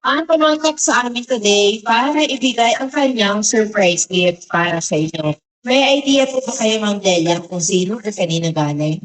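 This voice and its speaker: A woman with a medium-pitched voice and lively intonation hosts a surprise gift delivery at a moderate pace, speaking very politely and ending nearly every phrase with "ma'am." The recording quality is low.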